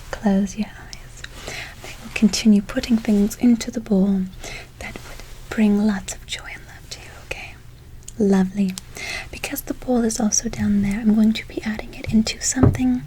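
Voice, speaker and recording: An ASMR performer whispers a roleplay as a soothing witch casting a good luck spell, lingering on repeated words and endearments. Her voice is medium-pitched, and the audio is poor.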